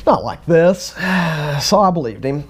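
A middle-aged man with a somewhat high-pitched voice tells a personal story in a loose, conversational way. He slips into the voices of the people in his story, moving quickly between narration and quoted dialogue. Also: slightly rough. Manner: animated, acts out both sides of conversations. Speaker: vlogger. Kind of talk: casual storytelling.

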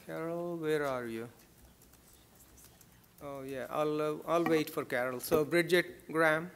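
A man's voice: on the high side, a little slow, fairly bright tone, a little hiss or hum. A man chairing a public board meeting, calling on speakers in an informal way.

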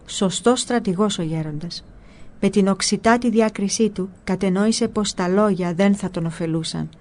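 A woman narrating a spiritual book in a calm, measured storytelling voice. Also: mid-range voice.

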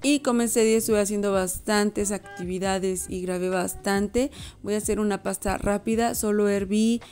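A woman's voice: medium pitch, steady tone, moderate pace, a little mellow, faint music behind. A woman, narrating a home decor and cooking vlog in a casual, chatty way and often correcting herself. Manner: chatty, self-correcting, addresses viewers as girls.

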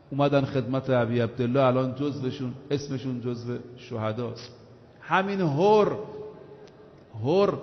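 A man preaching a sermon in a large shrine hall, emphatic, repeating his points in lists. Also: on the high side. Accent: Iranian Persian. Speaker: cleric preacher. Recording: dull lo-fi sound with long hall reverb.

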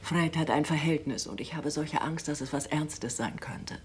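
A woman plays a distressed middle-aged wife confiding in a friend in a dubbed TV drama. Her voice is somewhat low and shaken. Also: moderate pace, slight background noise, natural voice. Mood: upset. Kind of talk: TV drama dub.

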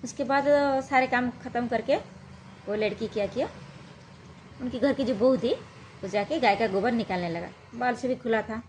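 High-voiced woman casually retelling a story. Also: moderate pace, a little mellow, slight background noise. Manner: rambling, colloquial, with many fillers and "what happened next" asides.

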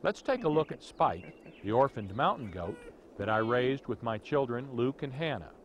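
A middle-aged man narrates a nature documentary with a lively, varied pitch. Faint natural ambience and animal sounds sit behind his scripted delivery. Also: normal speed, lo-fi sound, a little hiss or hum.

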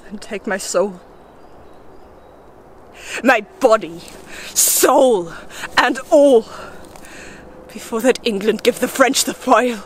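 A woman's voice: a little high, fairly even intonation, slight background noise, natural voice. A woman playing a desperate young Joan of Arc in a theatrical Shakespeare monologue, pleading with spirits. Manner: slow, theatrical, swinging between hushed and imploring. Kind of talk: solo Shakespeare monologue, dramatic recitation.

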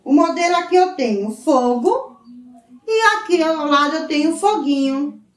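A woman teacher with a Brazilian Portuguese accent giving a lesson to schoolchildren, drawing out words slowly and asking "certo?" again and again. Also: high voice, animated. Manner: slow, drawn-out syllables, often checks with "certo?". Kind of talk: recorded school lesson for children. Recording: roomy, mic at a distance.

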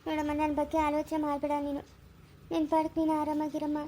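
A woman with a Chikkaballapura Kannada accent playing a young daughter who softly pleads with her jailed mother. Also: high voice, completely flat delivery, quick pace, a little hiss or hum, close to an everyday voice. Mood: pleading. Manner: soft, pleading, tearful.

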